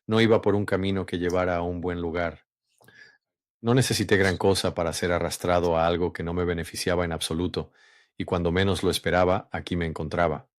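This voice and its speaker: A man hosting a religious channel, speaking in an unhurried, measured monologue with frequent hums and pauses, then reading a story aloud. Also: sits low, little pitch movement, dry recording, studio quality.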